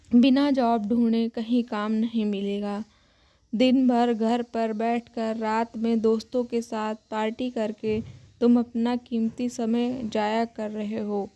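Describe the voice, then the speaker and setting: A woman's voice: fairly high pitch, warm tone. A woman voicing a worried mother who lectures reproachfully in a narrated family story. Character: worried, admonishing middle-aged mother.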